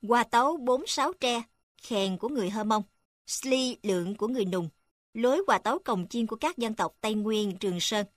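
A woman reading a music textbook aloud in an even, formal manner, announcing each section number. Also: on the high side, fairly quick, no echo, studio quality. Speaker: narrator reading a text on music.

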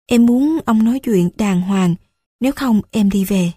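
A gentle young girl, as a woman reading a story puts her on, calm and earnest with a teasing edge. The voice is mellow and breathy, and she speaks slowly. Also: mid-range voice, dry recording, clean studio sound.

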